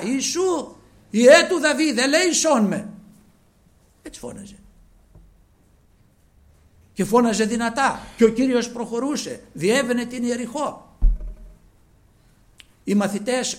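A man preaching a sermon with passion, calling his listeners brothers, moving from loud emphasis to near whispers. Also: very high-pitched.

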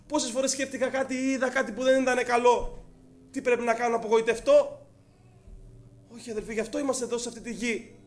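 A male preacher giving a fervent sermon, addressing the congregation as brothers, with frequent hesitant fillers. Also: very high voice.

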